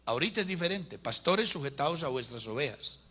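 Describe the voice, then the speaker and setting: Bright, high-voiced preacher. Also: male voice, animated, brisk, breathy edge. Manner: storytelling preacher, builds to emphatic climaxes. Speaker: pastor. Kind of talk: sermon.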